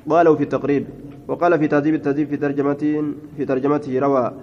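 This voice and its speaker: A man's voice: a little high, level tone, racing. Guy reading hadith then explaining it in oromo, kinda muffled lo-fi recording. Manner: reads Arabic text, glosses it in Oromo. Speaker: hadith teacher. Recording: dull lo-fi recording with faint noise.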